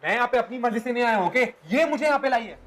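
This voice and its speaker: An actor playing a dismissive young ex-boyfriend. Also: male voice, mid-range voice, big pitch swings, moderate pace, a little mellow, a little hiss or hum, close to an everyday voice. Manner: dismissive, impatient.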